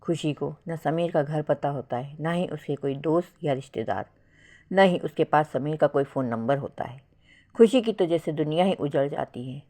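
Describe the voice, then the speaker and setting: A woman narrating a romantic story in a calm, measured scripted reading. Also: deep voice.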